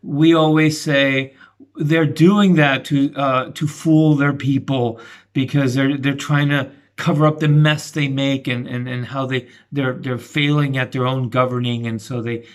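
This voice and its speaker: A middle-aged man talking through a casual video commentary, halting and restarting often. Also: mid-range voice, steady tone, clear, resonant tone. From grew up between the United States and Argentina. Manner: halting, many restarts and fillers. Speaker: channel host giving commentary.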